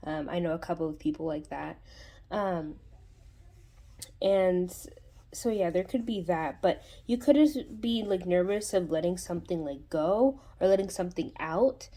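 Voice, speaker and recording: A woman's voice: on the low side, unhurried, mellow. A woman hosting her own channel, giving a casual spoken tarot reading in a rambling way, full of fillers and restarts. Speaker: tarot reader and channel host.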